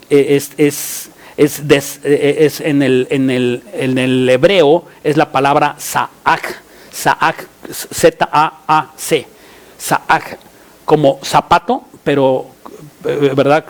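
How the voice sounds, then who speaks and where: High-voiced halting Mexican pastor. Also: male voice. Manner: halting, many fillers and restarts, cries out prayers loudly. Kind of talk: sermon.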